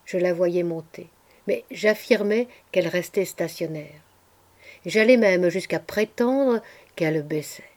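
A woman narrating a literary audiobook in a measured, expressive storytelling voice. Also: on the low side. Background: faint background music.

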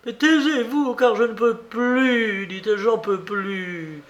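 A man's voice: high-pitched, slow, a bit bright, dull audio, voice pushed up. A man reading a storybook who voices a desperate, tormented young female servant with anguished, pleading outbursts.

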